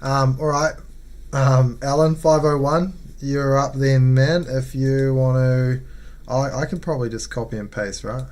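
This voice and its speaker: A man's voice: mid-range voice, steady tone, measured pace, darkish tone. A man chatting casually and matily on a livestream, thinking aloud as he plays. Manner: friendly, matey, thinking aloud. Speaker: live streamer playing chess.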